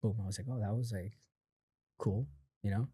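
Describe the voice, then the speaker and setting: A man guesting on a podcast, telling a personal story in a casual, animated way, acting out what others said, with lots of fillers. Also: fairly low pitch, moderate pace, breathy edge, no echo, clean studio sound. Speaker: podcast guest, company founder.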